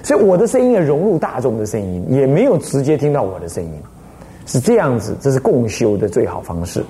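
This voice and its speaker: A man's voice: medium pitch, very animated, brisk, dark tone. An older man, a Buddhist abbot giving a dharma lecture in a teacherly way, often checking in with rhetorical questions.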